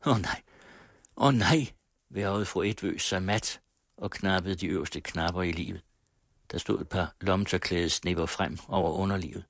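A man reading a novel aloud on the radio, measured, letting phrase ends fall away. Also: deep voice, steady tone, creaky, no echo, clean studio sound. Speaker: radio reader.

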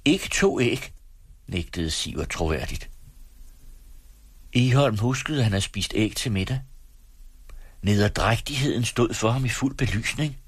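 A man reads a novel aloud on the radio with a measured, dramatic delivery. His voice is very low and husky, and the studio recording is dry and close. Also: animated, no echo. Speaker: radio reader. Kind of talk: audiobook reading on radio.

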